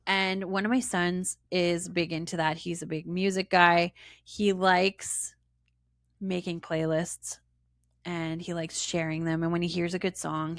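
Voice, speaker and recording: A woman's voice: lowish voice, vocal fry, no echo, clean studio sound. A middle-aged woman hosting her own podcast, chatting in a reflective, rambling way with plenty of fillers. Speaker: podcast host. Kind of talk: casual solo podcast chat.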